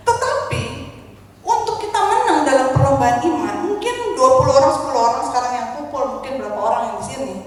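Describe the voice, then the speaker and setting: Middle-aged woman preacher, high voice, animated storytelling sermon, recorded from afar in a very echoey church hall. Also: slight background noise. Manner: animated storytelling, acts out quoted voices, laughs often. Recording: very echoey hall, from far off, faint ambience.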